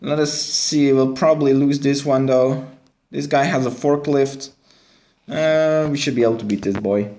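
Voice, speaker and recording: A young man from West Flanders, Belgium, with a West Flemish accent, streams a mobile game and chats casually with viewers, answering their messages as he plays. His mellow voice is medium-pitched with fairly even intonation at normal speed, recorded in an echoey room.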